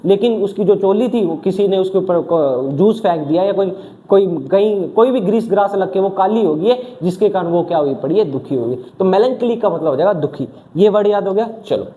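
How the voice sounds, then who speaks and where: A man teaching an exam vocabulary class, constantly asking questions and answering them himself in a lively way. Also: high-pitched. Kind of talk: exam coaching lesson.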